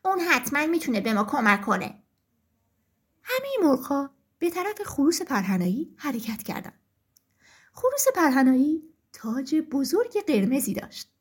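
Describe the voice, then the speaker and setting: A woman narrating a children's farm story in an expressive, sing-song reading style. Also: high-pitched.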